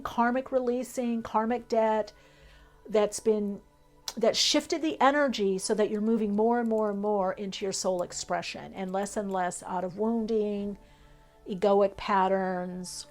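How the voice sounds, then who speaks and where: A woman's voice: mid-range voice, a little mellow. A woman reading tarot for her viewers, talking in a flowing, spiritual way with fillers and long trailing lists. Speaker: tarot reader.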